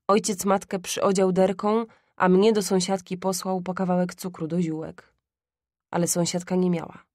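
Female audiobook narrator, mid pitch, dry close mic, measured storytelling. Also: a little mellow, no echo. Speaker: audiobook reader. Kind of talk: scripted literary narration.

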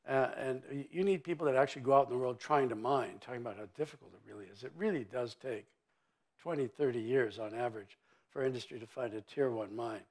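A man's voice: mid-range voice, fast. Emphatic older man on a conference stage. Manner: emphatic, sweeping and blunt, with vivid turns of phrase. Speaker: mining executive interviewee. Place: conference stage before an audience.

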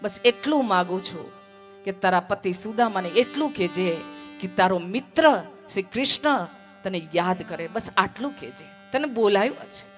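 A woman speaking as a loving god, gentle and pleading, in a higher, lighter register. Faint instrumental music plays behind the devotional storytelling. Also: lively intonation, moderate pace. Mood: tender. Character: the god Krishna, a loving, tender divine friend.

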